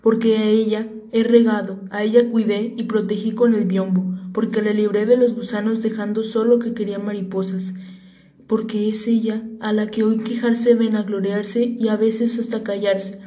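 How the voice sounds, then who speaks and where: A woman's voice: medium pitch, level tone, normal speed, warm tone, close to an everyday voice. A woman reading as an earnest young prince. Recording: roomy echo.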